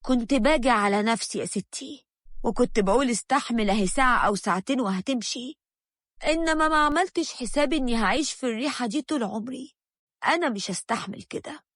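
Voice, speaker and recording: A woman's voice: a little high, animated, quick pace, no echo, clean studio sound. A woman with an Egyptian accent voicing a young husband who speaks curtly and with scorn in a storybook tale. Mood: scornful, angry. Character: irritated young husband, harsh and stubborn.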